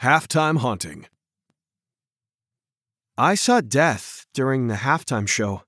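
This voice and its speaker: A man reading a first-person story aloud as narrator, expressive and acting out the dialogue. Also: medium pitch, slow, no echo, studio quality.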